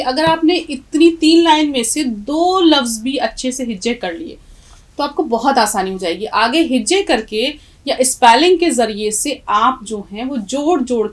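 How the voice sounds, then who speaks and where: Her voice sits high and sounds expressive, though the audio is poor. She is a middle-aged woman from India leading a classroom Urdu lesson, issuing direct instructions and slowly spelling out each word sound by sound.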